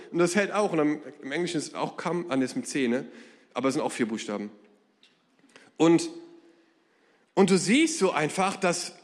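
A man preaching a sermon in a lively, humorous, conversational way. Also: sits high, long reverb tail. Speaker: pastor.

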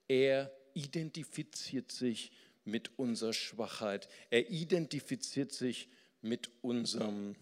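An older man from the Rhineland with a Rhineland German accent, preaching a sermon and swinging between hushed and loud emphatic passages. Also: on the low side. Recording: long hall reverb.

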